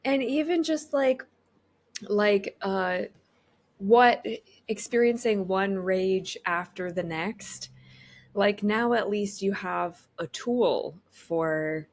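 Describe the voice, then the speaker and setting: A woman's voice: medium pitch, slow pace. A woman co-hosting a podcast in casual chat, rambling with lots of fillers. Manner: rambling, lots of "like" and "you know".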